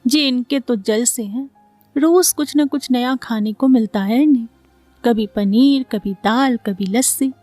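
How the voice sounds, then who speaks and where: A woman's voice: on the high side, unhurried, darkish tone, dry recording, faint music behind, natural voice. A woman voicing a naive, playful young daughter-in-law with an innocent, coy manner. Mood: jealous.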